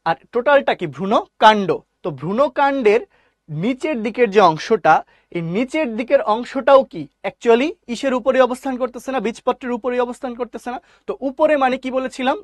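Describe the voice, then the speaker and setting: A man teaching a live online biology class, repeating key terms slowly and quizzing his listeners. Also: very high-pitched, animated, no echo.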